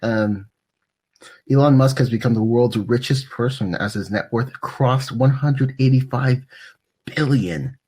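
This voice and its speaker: A man's voice: medium pitch, moderate pace, darkish tone, husky. A young man co-hosting a podcast in casual chat, rambling, joking and laughing often. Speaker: podcast co-host.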